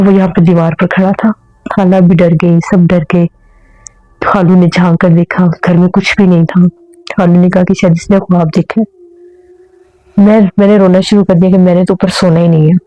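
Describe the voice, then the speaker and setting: A woman's voice: fairly low pitch, dark tone, no room sound, poor audio. A woman telling a first-person horror story in an earnest storytelling manner.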